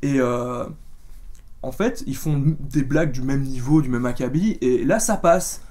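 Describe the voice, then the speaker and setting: A man's voice: mid-range voice, measured pace, darkish tone. A man giving a casual spoken film review, chatty and full of fillers and restarts. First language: French.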